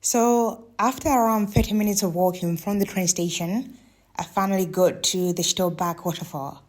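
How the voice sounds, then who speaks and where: A woman's voice: mid-range voice, fairly even intonation, normal speed. A woman casually narrating her travel vlog in a chatty, candid way, admitting when she is unsure how to say a name. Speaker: travel vlogger.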